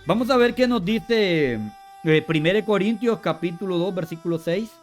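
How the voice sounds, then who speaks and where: A man with a fairly high voice teaches from scripture, moving slowly through the meanings of words. He lists each sense one after another, repeats himself and stops to correct his slips. Soft music plays faintly behind him. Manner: spells out word meanings in lists. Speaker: Bible teacher.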